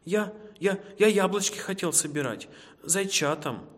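A small, eager male hare from a fairy tale, his voice raised high and bright, as a man puts him on. He chatters generously and stammers when frightened. Soft reverb from the room hangs on every line. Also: measured pace. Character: timid kind young male hare.

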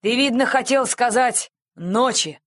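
A woman's voice: medium pitch, animated, normal speed, fairly bright tone, no echo, clean studio sound. A woman voicing a curt male policeman who cuts off a thief's jokes, with a slightly raised voice.

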